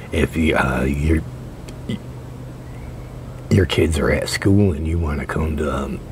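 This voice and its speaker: An American man with a bass voice whispers softly and haltingly as an ASMR performer playing a librarian, rambling and repeating little soft affirmations. He's outdoors at a metal picnic table under a shelter, and the recording is noisy with a traffic-like hum.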